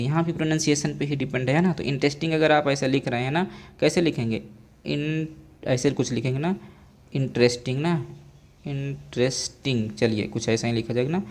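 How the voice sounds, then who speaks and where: Slightly high-voiced male teacher drilling grammar. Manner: repeats questions to the class, drills slowly; addresses listeners as friends. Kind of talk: exam-prep grammar lesson.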